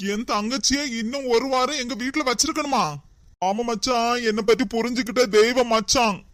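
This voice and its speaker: A man's voice: extremely high pitch, a bit bright, no room sound, studio quality. A man voicing two young brothers-in-law in a cartoon, chatty and melodramatic, with a Kanyakumari Tamil accent.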